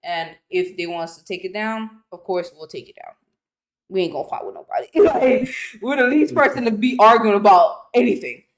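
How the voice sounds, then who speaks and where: A woman's voice: mid-range voice, a little fast, a little hiss or hum. A woman hosting a reaction video in casual chat, talking loosely with slang and frequent laughter. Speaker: reaction channel host.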